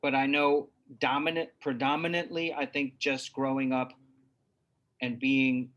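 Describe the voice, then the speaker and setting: A man's voice: medium pitch, level tone, measured pace, a bit bright, lo-fi sound. A man from New Hampshire talks through his thoughts in an interview with a mid-range voice. He often restarts his sentences and gropes for words, in a casual, searching way. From New Hampshire, USA. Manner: searching and hesitant, with frequent restarts. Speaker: guest, father. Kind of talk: reflective interview talk.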